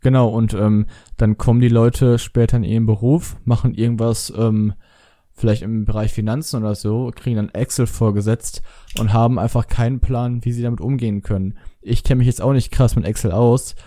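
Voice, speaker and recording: A young man in casual chat, hesitant with frequent pauses and restarts. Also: medium pitch, fairly even intonation, mellow, dry recording.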